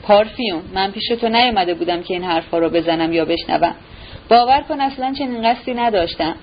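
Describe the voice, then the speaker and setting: A woman voicing a gentle, anxious young prince who talks in an earnest, agitated way, in a dull recording with a faint hiss. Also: medium pitch, lightly acted.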